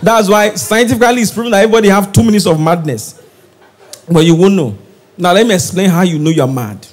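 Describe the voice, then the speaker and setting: A Nigerian man performing stand-up comedy, animated, shouting out his punchlines. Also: high-pitched, fast talker.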